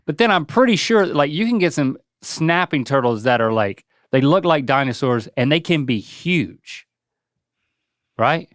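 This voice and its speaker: A man's voice: a little high, lively intonation, a little slow, a bit bright, dry recording, clean studio sound. A man chatting casually as a co-host in a conversational, wry way. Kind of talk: casual chat.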